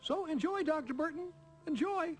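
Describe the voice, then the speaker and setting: An actor playing a prissy, passive-aggressively polite doctor in a TV comedy-drama, speaking in a formal, pointed way. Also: male voice, very high voice, moderate pace, faint music behind. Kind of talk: naturalistic TV comedy-drama acting.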